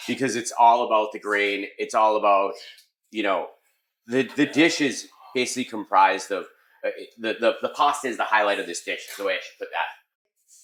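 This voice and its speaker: A middle-aged American man, a chef, explaining his cooking in a casual, halting conversational way. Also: on the low side, fairly bright tone. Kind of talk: casual cooking demonstration and chat. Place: restaurant kitchen. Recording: echoey kitchen room sound.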